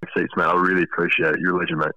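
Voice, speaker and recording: Teenage Australian male, deep and rapid, earnest and courteous in casual talk, muffled radio-like sound. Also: level tone, sharp tone. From Wollongong, Australia. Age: teens, about sixteen. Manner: earnest, polite, grateful. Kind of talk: casual chat.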